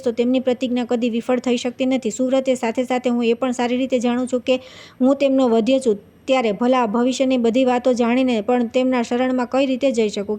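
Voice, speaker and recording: Woman, devotional scripture reader; steady, level recitation, mellow tone, occasional slips. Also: high-pitched.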